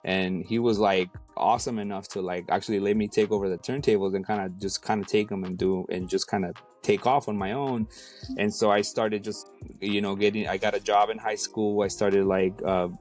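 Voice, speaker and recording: A man's voice: on the low side, steady tone, a little fast, a little mellow, faint music behind. A man in his thirties from Mexico City, a DJ and rapper talking casually as an interview guest, with many fillers and restarts.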